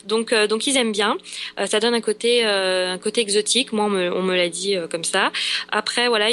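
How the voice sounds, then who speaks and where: A woman's voice: medium pitch, a bit bright, a little hiss or hum. A young French woman, an actress, chatting in an interview, hesitant with many fillers and restarts. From France. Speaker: actress in Los Angeles. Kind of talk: casual interview chat.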